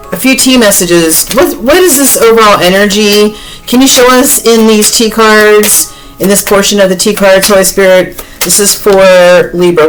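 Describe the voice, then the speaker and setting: A woman's voice: medium pitch, low-quality recording. A woman, chatting directly to viewers in a casual tarot reading, with many fillers. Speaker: tarot reader.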